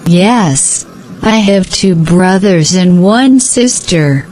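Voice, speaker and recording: Slow, measured woman answering drills. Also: lowish voice, expressive, darkish tone, a little hiss or hum, rough recording. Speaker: practice dialogue speaker. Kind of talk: scripted language-drill answers.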